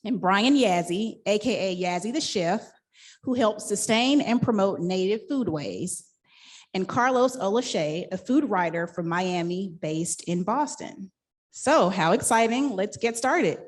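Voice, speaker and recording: A woman's voice: mid-range voice, lively intonation, measured pace. A woman hosting and moderating a live panel discussion, reading a scripted introduction with upbeat, laughing asides. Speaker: event host and moderator.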